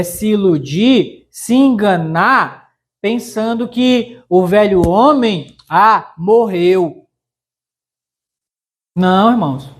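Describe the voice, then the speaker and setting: A man's voice: high-pitched, a little mellow. A male missionary preacher giving a conversational Bible study in a church, talking folksily to the congregation and often asking them to confirm his points. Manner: folksy, addresses listeners as brothers with frequent tag questions. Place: church sanctuary.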